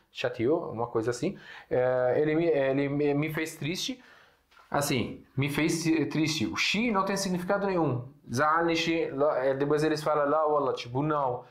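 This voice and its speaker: A man from Syria giving a casual language lesson. He explains patiently, repeats words and keeps checking in with the listener. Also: a little high. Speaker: Arabic teacher. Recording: roomy echo.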